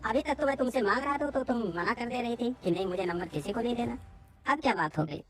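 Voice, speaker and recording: A woman's voice: a little high, fast, fairly bright tone, faint music behind. Woman playing a teasing young college guy.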